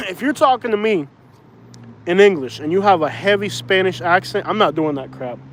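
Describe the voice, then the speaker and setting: Man from Cuba, slightly high voice, blunt and opinionated, rambling with restarts, casual livestream chat, outdoors on a city street. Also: animated, moderate pace, fairly bright tone, a little hiss or hum, rough recording. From Cuban. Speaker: rideshare driver and livestream vlogger.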